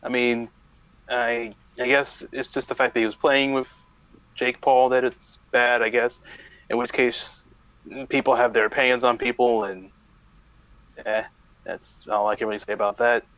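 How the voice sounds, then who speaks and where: A man co-hosting a gaming podcast, giving his opinion in a measured, hesitant way. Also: medium pitch, flat delivery, a bit bright, dry recording. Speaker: podcast co-host. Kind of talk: casual chat. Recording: dull, dry lo-fi mic.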